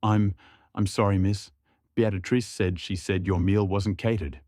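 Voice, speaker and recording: A man's voice: fairly low pitch, steady tone, unhurried, a little mellow, no room sound, lightly acted. Casting: timid young male flight attendant, apologetic, dry booth, by the narrator. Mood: nervous. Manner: timid, apologetic, half-whispered.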